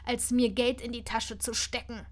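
A proud, secretive young wizard speaks in a hushed, breathy half-whisper, as a woman reading an audiobook puts him on. The voice stays soft and held back, with a high timbre for a man, and it sounds cool and guarded. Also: little pitch movement, moderate pace, close to an everyday voice. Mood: hushed cold. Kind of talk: audiobook reading of fan fiction.

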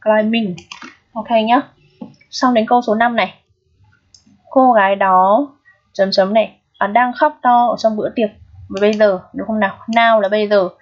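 A woman's voice: mid-range voice, fairly even intonation, moderate pace, pauses often. A woman teacher explaining English grammar step by step, checking in with her students often. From Vietnam. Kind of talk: recorded grammar lesson. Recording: dull, lo-fi sound.

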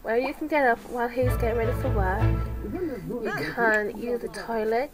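Sick with a cold, a woman hosting a let's play talks chattily through her gameplay, even addressing her characters. Her fairly high voice keeps a steady tone and moderate pace over loud music.

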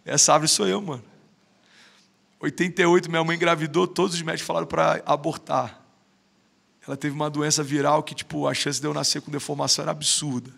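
Fast-talking gravelly Brazilian man. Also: fairly high pitch, flat delivery, a bit bright. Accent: Brazilian Portuguese. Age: 30s. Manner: slangy, emphatic, keeps saying "mano". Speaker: podcast guest. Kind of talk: casual storytelling chat.

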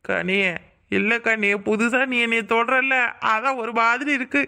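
A voice actor playing a teasing, doting young village husband in a cartoon, quick with playful banter. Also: mid-range voice, vocal fry, sharp tone, clean tone. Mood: pleading. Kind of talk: cartoon voice acting.

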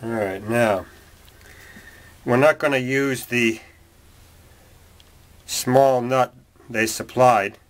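Speaking very slowly and pausing often in a mid-range voice, this repair tutorial presenter explains the job in a casual, folksy, plainspoken way. The garage workshop recording, made at the engine bay and workbench, is clearly noisy and full of tool clicks.

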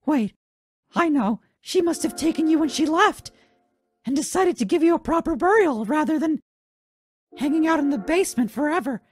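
Woman voicing a high, bitter little boy flower. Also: lively intonation, moderate pace. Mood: intent. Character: childlike male talking flower, bitter and scheming. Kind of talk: dramatic fan-dub monologue.

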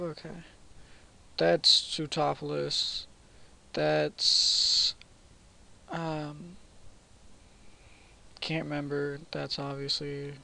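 A man talks his way through a game playthrough, chatting casually and reading the text as it comes up. His voice sits fairly high, with a gravelly, fry-laden grain. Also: bright, forceful tone. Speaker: let's play host. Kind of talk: casual gameplay commentary.

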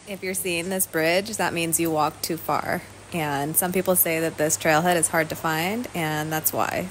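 Low-voiced young woman gushing about a hike. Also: slight background noise, rough recording. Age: young adult. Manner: upbeat, gushing, lots of "like". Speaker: travel vlogger. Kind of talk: casual travel vlog narration.

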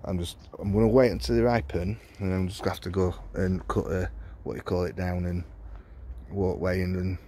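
A man's voice: deep voice, level tone, a little fast, warm tone, slight background noise. A man chatting casually as he walks through his allotment garden, rambling and chuckling as he goes. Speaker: allotment vlogger. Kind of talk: casual walking tour commentary. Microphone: handheld phone camera.

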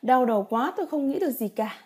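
Woman teacher, mellow husky voice, fairly high, patient explaining, rhetorical questions. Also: expressive, fast. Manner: patient, keeps asking rhetorical check questions; reads example sentences then explains them. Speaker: Japanese teacher. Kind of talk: kanji vocabulary lesson.

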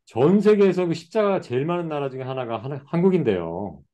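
A man's voice: on the high side, lively intonation, quick pace, warm tone. A man hosting a casual interview, nodding along with short replies and giving earnest commentary. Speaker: channel host, counselor.

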